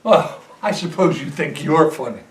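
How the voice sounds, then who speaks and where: A stiff, defensive older husband who gets indignant when anyone questions him, as a man plays him. His pitch rises and falls a lot, and the room around him echoes. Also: expressive, normal speed, close to an everyday voice. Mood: offended. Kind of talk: film drama acting. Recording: roomy echo.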